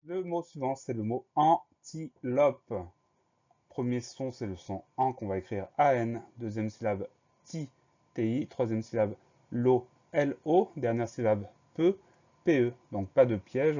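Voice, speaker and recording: A man teaching a spelling dictation lesson, going slowly and carefully and spelling each word letter by letter. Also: medium pitch, expressive, mellow, dull audio.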